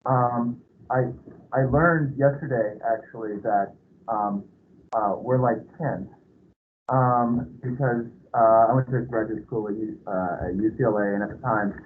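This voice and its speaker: A middle-aged man introduces a speaker informally as host, halting and hesitating often as he finds his words. His voice is mid-pitched. The recording is narrow like a phone line, with faint noise behind it. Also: steady tone. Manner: halting, hesitant, many pauses.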